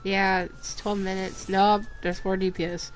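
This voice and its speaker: A woman's voice: medium pitch, flat delivery. A woman game streamer chatting casually and gossiping while she plays. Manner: chatty, gossipy, slow-spoken. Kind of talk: casual chat while playing. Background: faint game music.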